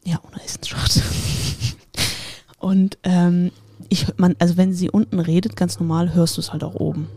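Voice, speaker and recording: A young woman casually telling a spooky personal story, lively and full of fillers and laughs. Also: fairly low pitch, measured pace, dry recording.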